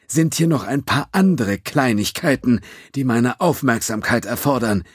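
A man's voice: on the high side, lively intonation, normal speed, darkish tone, breathy edge, dry recording, studio quality, pitched above the performer's own voice. A man reading an audiobook, voicing an overworked, sarcastic male starship engineer who snaps at everyone. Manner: exasperated, sarcastic outbursts. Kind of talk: audiobook character voice.

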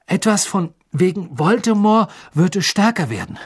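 A man voicing a teenage boy wizard who talks urgently and breathlessly, pleading and shouting, in a husky voice. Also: high voice, big pitch swings, measured pace, voice pushed up, full character voice. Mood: anxious.

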